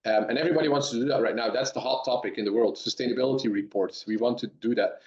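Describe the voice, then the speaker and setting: A Belgian dairy science professor answers webinar questions over a remote call, speaking haltingly with many restarts. His voice is medium-pitched and a little mellow. The sound is roomy, dull, and lo-fi.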